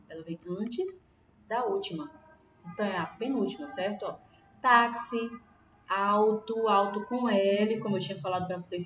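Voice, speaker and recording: Patient woman teacher, roomy distant sound. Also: medium pitch. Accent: Brazilian Portuguese. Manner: patient, checks in with frequent tag questions. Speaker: primary school teacher. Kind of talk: online class explanation. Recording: roomy, distant, dull lo-fi with faint hiss.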